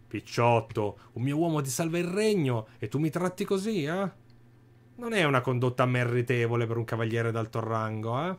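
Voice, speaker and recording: A man's voice: mid-range voice, moderate pace, lightly acted. A man putting on a style bandit boss. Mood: mocking. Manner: drawling mafioso address, tags "eh?". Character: gruff old male bandit boss, mob-style.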